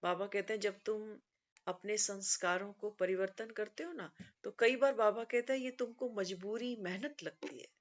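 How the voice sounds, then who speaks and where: A woman's voice: mid-range voice, moderate pace. A woman giving a devotional talk in a storytelling way, often quoting teachings and adding conversational asides. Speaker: spiritual speaker. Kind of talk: devotional discourse. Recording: muffled lo-fi recording.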